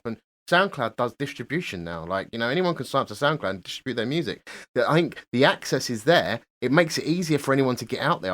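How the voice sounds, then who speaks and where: A man hosting a podcast, talking in a relaxed, halting way. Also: medium pitch. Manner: relaxed, hesitant with many ums and restarts. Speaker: podcast host. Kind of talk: casual podcast chat.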